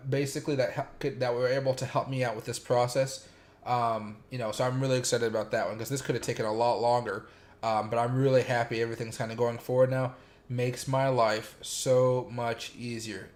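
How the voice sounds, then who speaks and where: Raspy and a bit sore from days on stream, this male host of a casual crypto livestream has a mid-range voice. He wanders through his talk with lots of filler words, greeting people in the chat by name.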